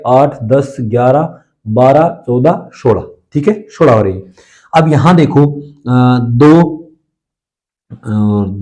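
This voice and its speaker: Mellow-voiced man teaching a Hindi lesson. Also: medium pitch, dull audio. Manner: explanatory, counts syllables aloud, checks in with repeated "okay". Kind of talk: classroom lesson on Hindi poetic meter.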